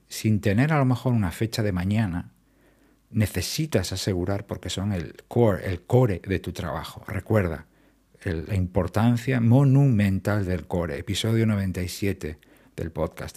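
Guy from doing his podcast, kinda husky, lowish voice, leans on key words. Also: mellow. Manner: explanatory, emphatic, repeats key words. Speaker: podcast host. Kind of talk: solo productivity podcast talk.

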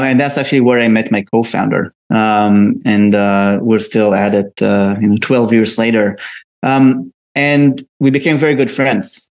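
A man's voice: lowish voice, a little mellow. A middle-aged man with an Israeli accent, a company founder answering interview questions, often restarting with fillers. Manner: many fillers and restarts, explanatory. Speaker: company co-founder and CEO, guest.

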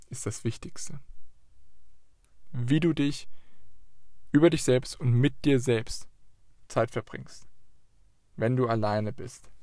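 A man's voice: mid-range voice, dry recording, studio quality. A man giving a motivational monologue, speaking earnestly and straight to the listener with repeated questions and the odd curse word. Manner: emphatic, occasional swearing.

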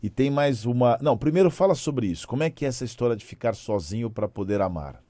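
Warm-voiced male interviewer, dry sound. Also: medium pitch, expressive, fast, no room sound. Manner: probing, asks stacked questions. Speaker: interviewer host. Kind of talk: interview questions.

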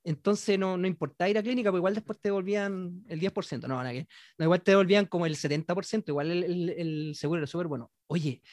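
A man's voice: sits high, fairly even intonation, quick pace, a little mellow, no room sound. A married man with a Chilean accent, telling a comic story casually and slangily to friends, acting out quotes and laughing often. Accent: Chilean Spanish. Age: adult, married. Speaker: storyteller in a group chat.

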